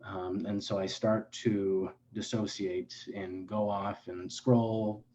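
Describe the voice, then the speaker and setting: A man's voice: on the low side, little pitch movement, takes it slowly, warm tone. A man speaking as a clinician guest in an interview, explaining in an earnest, lecturing way with frequent restarts and self-corrections.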